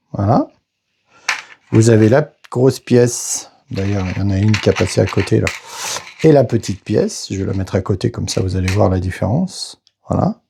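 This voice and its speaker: A man casually narrating a board game unboxing, hesitant and halting, filling pauses with little interjections as he handles each piece. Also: on the low side, creaky, warm tone, a little hiss or hum. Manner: slow, hesitant, narrates each step with "voilà" and "hop".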